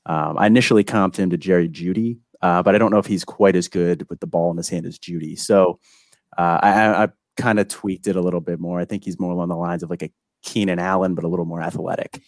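Male guest analyst, deep register, dry sound, relaxed conversational sports breakdown. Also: fast, no echo. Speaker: guest football prospect analyst. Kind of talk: casual sports analysis chat.

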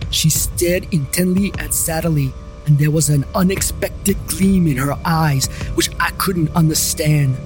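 A man's voice: a little high, a little slow, hardly any pauses. A man narrating a paranormal detective story in the first person, with a wry, joking delivery over background music.

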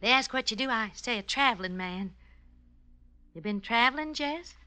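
A cheerful, doting American frontier wife in a vintage radio play. Her voice is high and very bright, moving up and down in a sweet, folksy way. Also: expressive, moderate pace, clear, resonant tone. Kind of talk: old-time radio drama acting.

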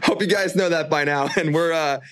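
A man's voice: on the high side, brisk, a bit bright. A man chatting casually as a podcast co-host, upbeat and informal, speaking to his listeners like friends. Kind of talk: casual chat. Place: holiday rental, remote call over spotty Wi-Fi.

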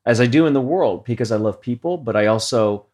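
A man's voice: mid-range voice, a little fast, darkish tone. A man hosting a podcast as a coach, talking earnestly and reflectively about his own experiences in a heartfelt conversation.

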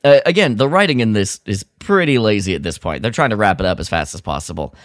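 A podcast co-host recaps a radio drama in casual chat, his voice on the low side with lively intonation and a fast delivery. He rambles, full of fillers and restarts, and quotes characters mockingly. The recording is dry with clean studio sound.

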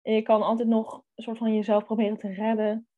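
A woman's voice: fairly high pitch, flat delivery, fairly quick, phone-quality sound. A young woman co-hosting a book podcast, reading a thriller excerpt aloud and chatting casually about it, thinking aloud with hesitant fillers.

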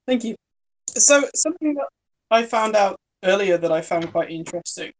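A woman's voice: medium pitch, expressive, moderate pace, low-quality recording. A young British woman chatting casually over a voice call, rambling with lots of fillers. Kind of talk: casual chat.

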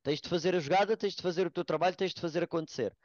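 Male podcast guest, European Portuguese accent, quick and emphatic delivery, dry slightly dull recording. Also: sits high, darkish tone, no room sound. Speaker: American football player, podcast guest. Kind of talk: casual podcast discussion.

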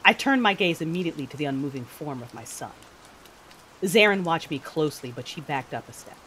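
In an audio drama, a woman plays an intense, battle-hardened Sith mother who narrates her own story theatrically, brooding and tense with emphatic outbursts. Her voice sits low yet sounds fairly bright, animated, and fairly quick. The poor audio has a little hiss or hum under a music bed with rain sounds.

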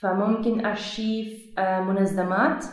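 A woman's voice: medium pitch, level tone. Young woman, non-native levantine arabic, lots of ums and searching for words, really echoey room. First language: not Arabic, speaks it as a learner. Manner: halting, searching for words, self-correcting. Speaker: researcher being interviewed. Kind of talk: conversational interview answers in a learned language.

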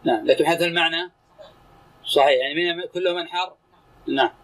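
Brisk high-voiced male religious teacher. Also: a bit bright, rough recording. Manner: terse, brisk, asks and answers in short clipped phrases. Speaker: sheikh teaching hadith. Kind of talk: lecture commentary with questions to a student.

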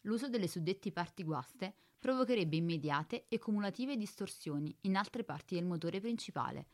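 Calm ship computer done by a woman, lowish voice, formal and flat, reads out faults like a report. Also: normal speed, close to an everyday voice. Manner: flat, formal, bureaucratic diction. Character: calm, precise female spaceship computer.

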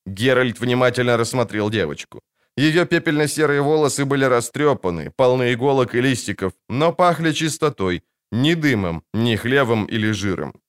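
Man narrating an audiobook with lively intonation. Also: mid-range voice, smooth. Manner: vivid, dramatic storytelling.

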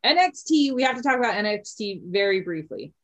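A woman talking casually as a podcast co-host, her pitch sitting in an ordinary middle range. She is excitable, swears freely and breaks into laughter often. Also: brisk, rough recording. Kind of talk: casual chat.

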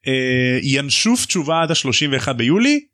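A man hosting a podcast, casually retelling a book chapter in a jokey, animated way and acting out the voices. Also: medium pitch, no echo. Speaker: podcast host.

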